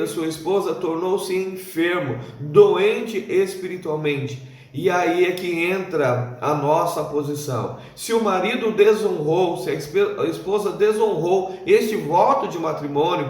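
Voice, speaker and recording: A high-pitched man delivers an earnest sermon and hammers points home by repeating phrases. He slows right down on the words that matter most. He stands away from the mic in an echoey room. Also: far from the mic. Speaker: pastor. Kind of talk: sermon on marriage.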